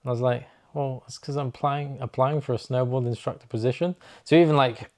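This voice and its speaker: A young man tells a story straight to camera in a loose, chatty vlog style. He keeps acting out both sides of the conversations he is describing. His voice sits in an ordinary middle pitch. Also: a little fast. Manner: chatty, animated, acts out quoted dialogue. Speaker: snowboard instructor vlogger.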